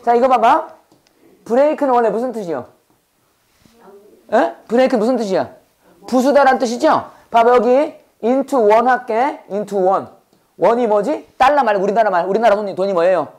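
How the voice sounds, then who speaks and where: In a classroom lecture on Bible English, a teacher moves between Korean and English, playfully tossing out puns and quick questions and repeating key words so students echo them back in call-and-response drills. The voice is middle-pitched with a darkish tone.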